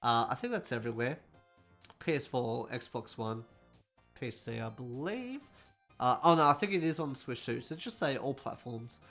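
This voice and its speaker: A man hosting a casual gaming news roundup, talking quickly and correcting himself as he goes. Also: mid-range voice, lively intonation, vocal fry, fairly bright tone, faint music behind.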